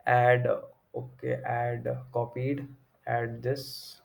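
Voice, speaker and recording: A young man with a North Indian accent giving an informal tech tutorial, haltingly thinking aloud as he works through the steps. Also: medium pitch, monotone, creaky. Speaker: tutorial presenter. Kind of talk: informal screen-recorded tech walkthrough.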